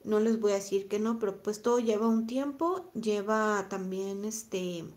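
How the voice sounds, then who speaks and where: A woman with a Mexican accent, in her thirties, talking on a live stream and answering chat comments in a reflective, soft-spoken way, often repeating her phrases. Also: medium pitch, measured pace. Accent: Mexican Spanish. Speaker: vlogger reading live chat.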